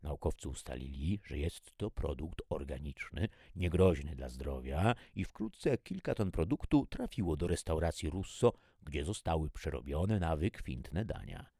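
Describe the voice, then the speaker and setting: A man narrating a story in an expressive, animated reading style. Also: rumbling low, a little slow, few pauses, slightly rough, no echo, clean studio sound.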